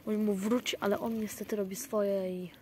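Standing outside by his loft with pigeons cooing all around, a man who keeps the birds narrates casually for his vlog viewers, wandering off track and often restarting or using fillers. His voice is high and level in tone, a little mellow, at a moderate pace.

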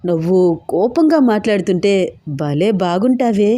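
A woman's voice: mid-range voice, animated, moderate pace, mellow, dry recording, studio quality, close to an everyday voice. A woman voicing a playful young man who teases his bride-to-be in an audio story. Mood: teasing. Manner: playful, teasing. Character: teasing young man, kickboxer fiancé.

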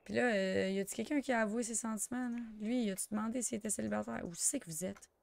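A young woman with a Quebec French accent chatting through a life-sim game, excitable and sprinkling in English slang. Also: medium pitch, fast, gravelly. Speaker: gamer. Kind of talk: let's play commentary.

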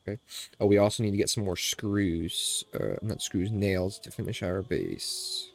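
A low, creaky, nasal voice belongs to a young man streaming games from a room in his house. He speaks a little slowly into his headset, commenting casually on his play and calling the audience "boys" in a laid-back way.

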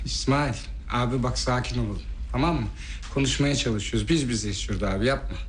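An actor playing an anxious sailor who tries to calm his crewmates and urges them to talk. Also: medium pitch, a little fast, a little hiss or hum, natural voice. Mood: pleading. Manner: pleading, calming, then shouting. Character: anxious sailor trying to keep peace. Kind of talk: film drama acting.

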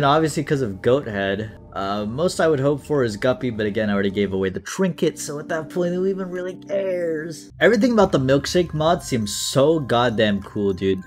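A young man giving casual, excitable commentary while playing a video game, laughing often and talking to himself. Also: a little high. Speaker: gaming YouTuber.

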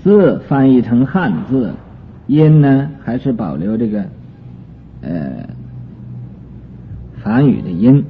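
A man giving a Buddhist sutra commentary lecture, explaining terms slowly with many drawn-out fillers. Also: medium pitch, big pitch swings, slight background noise. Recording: tinny lo-fi recording with faint music.

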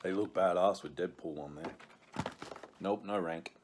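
A middle-aged man chatting casually to a camera on the table while eating sour candy, pausing and reacting as he tastes. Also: low-pitched. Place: small room indoors. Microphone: camera on the table in front. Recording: clear background noise, crinkling wrappers.

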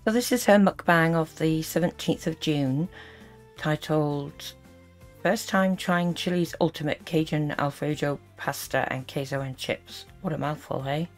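A woman's voice: sits low, a little slow, faint music behind. A woman giving critical reaction commentary as host, disapproving and full of sarcastic asides.

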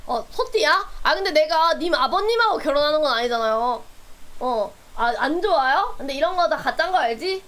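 A woman's voice: high-pitched, animated, normal speed, fairly bright tone. A woman streamer chatting casually with her viewers, playful and teasing, often breaking into laughter.

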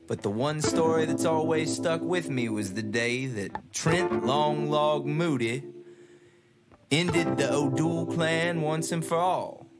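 A man voicing a grizzled old male saloon keeper who slowly and solemnly narrates a western story. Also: fairly high pitch, over loud music, voice pushed up. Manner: slow, solemn storyteller drawl.

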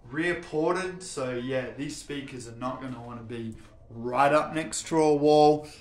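In an echoey showroom warehouse, a presenter for home cinema products gives casual, enthusiastic commentary that explains the gear. He has a mid-range voice and speaks at a measured pace, and the indoor room is quite reverberant.

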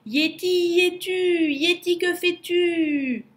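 A woman voicing a stubborn, determined young male wolf in a storybook, calling out high and loud. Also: lively intonation, measured pace. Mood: eager. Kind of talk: storybook reading.

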